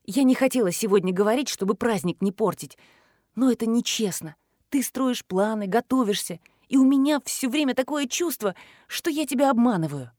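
A woman reading an audiobook voices a gentle, earnest teenage girl who pleads and explains herself. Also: on the high side, expressive, moderate pace, dry recording, studio quality. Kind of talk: audiobook character voice.

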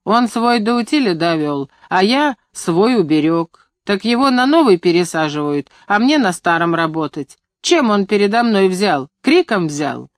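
A woman's voice: mid-range voice, very animated, normal speed, hardly any pauses, no room sound, studio quality, close to an everyday voice. A woman reading as a grumbling male tractor driver. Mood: resentful. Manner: complaining, resentful.

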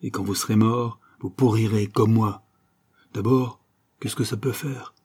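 A man voicing a rough, hard-drinking laundry worker whose raised, excitable voice slurs and mumbles when he's drunk. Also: fairly low pitch, measured pace. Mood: excited, rowdy. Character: rough, boozy laundry worker, lamenting and wild. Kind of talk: audiobook character voice.

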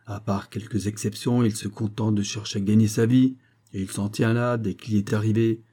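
Haughty billionaire played by a man, gruff, scornful, low husky voice, storybook reading. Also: level tone, natural voice. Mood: gruff dismissive. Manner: gruff, scornful, quick to shout. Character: haughty, hot-tempered American billionaire father.

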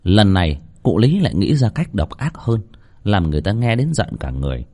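A man narrating a horror story in an expressive, dramatic way. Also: fairly low pitch, brisk.

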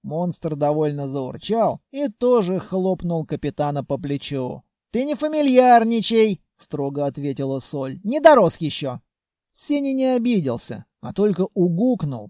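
A man narrating an audiobook in a lively, wry storytelling manner, recorded close to the mic. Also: high-pitched, dry recording.

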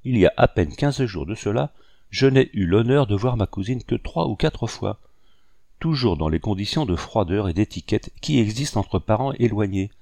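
A man reading an audiobook, voicing a young gentleman who speaks with polite, cold composure. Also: on the low side, gravelly, no room sound. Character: young man, cool and formal.

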